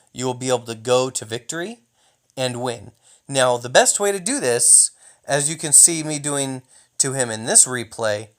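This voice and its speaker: A young man giving jokey, hyped-up commentary while showing replays of a mobile strategy game, often mock-taunting an imagined opponent. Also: medium pitch. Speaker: gaming YouTuber.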